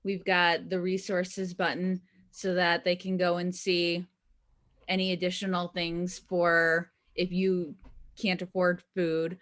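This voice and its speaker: A woman's voice: fairly low pitch, monotone, slow pace, a bit bright. A woman giving an informal demo presentation as a designer, speaking in a plain, casual way. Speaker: designer presenting project work.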